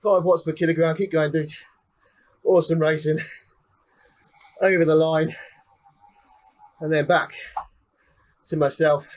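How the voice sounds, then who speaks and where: Calling out the finishers one at a time, a young man commentates a cycling race live while riding as the ride leader, chatty and slightly out of breath. His delivery is flat, his voice on the high side, a little slow, with long pauses.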